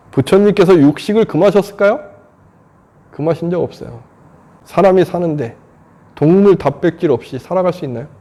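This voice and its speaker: Gravelly Buddhist monk in his fifties. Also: a little high, warm tone. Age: 50s. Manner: earnest, conversational, rhetorical questions. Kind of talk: dharma talk.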